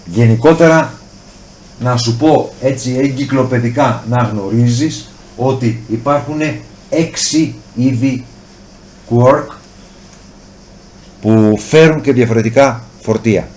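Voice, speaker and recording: A man with a Greek accent teaching a chemistry lesson, asking questions and then answering them himself, and drawing out key words slowly to stress them. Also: mid-range voice, a little mellow, a little hiss or hum. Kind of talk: explanatory lesson, addressing the student directly.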